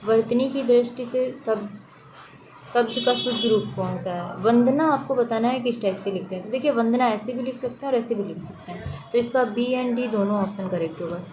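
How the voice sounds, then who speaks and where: Coaching teacher, woman, raised pitch, repetitive explain-and-confirm delivery, noisy recording. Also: brisk. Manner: steady, repetitive drilling of correct spellings. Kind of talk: online exam-prep lesson.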